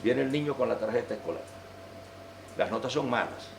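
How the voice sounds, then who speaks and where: A man from Venezuela gives an animated, humorous lecture to a church audience, with a mid-pitched voice. The room is roomy and reverberant. A faint hum sits behind him. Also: a little fast, vocal fry.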